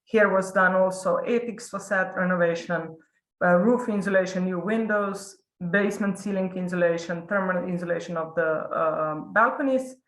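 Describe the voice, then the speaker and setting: A woman's voice: lowish voice, moderate pace, fairly bright tone. Hesitant woman presenter. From Slovenia. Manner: hesitant, improvising, many fillers. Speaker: webinar presenter. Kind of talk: presenting slides on a webinar. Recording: roomy echoey call audio.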